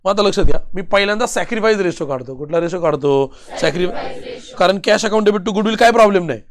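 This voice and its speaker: Man, Marathi accent, commerce teacher, high-pitched, rapid call-and-response drilling. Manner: rapid questions, repeatedly urging students to answer quickly.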